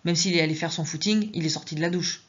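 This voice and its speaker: A woman author reading her own story aloud in the first person, with measured, tense narration. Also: lowish voice, slightly rough, muffled recording.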